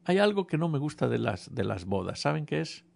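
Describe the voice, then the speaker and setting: A man's voice: fairly high pitch, very animated, a little fast, vocal fry, darkish tone. A man preaching a sermon, telling a humorous personal story and speaking directly to the congregation. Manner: humorous storytelling, addresses audience.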